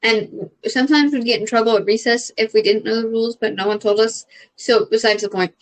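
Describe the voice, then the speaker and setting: Young woman comic, slightly high voice, rambly, loose, swears easily. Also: fairly even intonation, brisk, rough recording. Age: young adult. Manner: rambling, filler-heavy, swears casually. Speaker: comedian answering questions. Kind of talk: casual chat.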